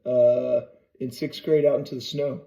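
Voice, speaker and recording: A man co-hosting a podcast, chiming in with short agreements and quick anecdotes in casual chat. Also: medium pitch, flat delivery, vocal fry, warm tone. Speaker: podcast co-host.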